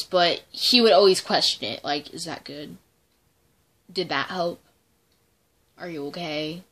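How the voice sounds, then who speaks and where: A teenage girl recounting a story in a casual vlog. Her voice sits a little low for her age, and her speech is blunt, full of swearing and 'like' fillers. It sounds unscripted and candid. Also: a bit bright. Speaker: vlogger.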